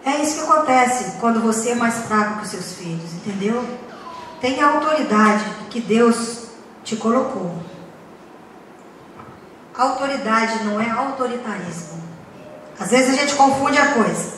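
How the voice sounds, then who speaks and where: High bright-voiced woman lecturing parents, emphatic, lots of "right?", far off mic in a super echoey hall. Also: animated, measured pace, pauses often. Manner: emphatic, with rhetorical questions and humorous anecdotes. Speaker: speaker at a parenting talk. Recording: echoey hall, distant mic, faint noise.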